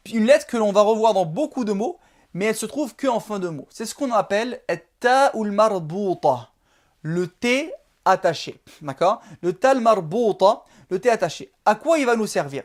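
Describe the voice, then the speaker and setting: A teacher giving a video lesson, speaking patiently, drilling syllables one by one and checking in with the viewer often. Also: medium pitch. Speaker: Arabic alphabet teacher.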